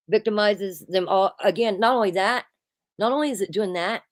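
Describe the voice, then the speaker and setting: A loud, emphatic woman with a mid-range voice hosts a casual chat. She repeatedly says "absolutely" and "listen."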